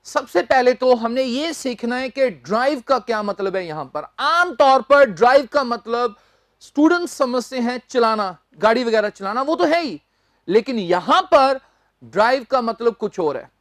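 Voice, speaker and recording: A woman teaching English newspaper vocabulary, speaking deliberately and spelling words out letter by letter. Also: fairly high pitch, expressive, no echo, clean studio sound.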